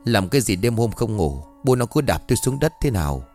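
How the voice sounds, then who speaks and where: A man voicing a greedy, scheming old village landlord who covers his fear with gruff bluster. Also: fairly low pitch, big pitch swings, brisk, darkish tone, faint music behind.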